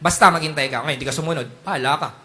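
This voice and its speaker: A man in his thirties preaches with a high, bright voice. He plays out little prayers and replies for comic effect, jumping from quiet asides to loud bursts. The delivery is animated and playful throughout. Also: racing. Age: 30s. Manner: animated, jokey preaching with mock prayers and sudden loud outbursts. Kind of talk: sermon.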